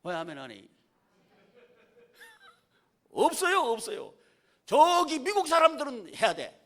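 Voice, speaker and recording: A male pastor delivers a Sunday sermon in a church, his fairly high voice leaping wildly up and down. He keeps throwing rhetorical questions at the congregation and coaxing amens. He drops from loud calls to hushed, almost whispered lines. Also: huge pitch swings, unhurried. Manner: rhetorical questions and prompts for amen. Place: church sanctuary.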